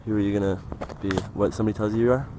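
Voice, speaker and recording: A man's voice: on the low side, steady tone, very fast, noisy background. A young man talking in a rambling, meandering way, full of "like" and "you know", in a casual monologue. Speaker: vlogger.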